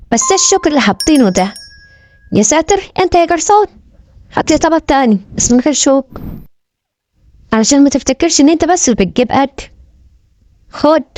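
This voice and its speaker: A woman with an Egyptian accent gives animals funny voices, her tone high and her talk quick and playful. Her voice sits on the mellow side, recorded dry and close. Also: no echo. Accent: Egyptian Arabic. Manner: playful, bantering. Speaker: comic voice-over dubber. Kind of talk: comic animal voice-over.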